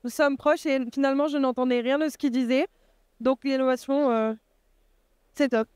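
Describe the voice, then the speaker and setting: A man's voice: extremely high pitch, steady tone, normal speed, a little mellow, smooth, no echo. A man interviewer trying out a product and reacting to it. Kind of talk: casual reaction.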